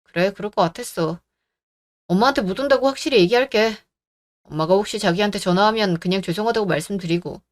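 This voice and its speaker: A voice actor doing a placating young husband. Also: male voice, high-pitched, fast talker, natural voice. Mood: anxious. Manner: soft, placating. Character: young husband caught between wife and mother. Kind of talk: radio drama acting.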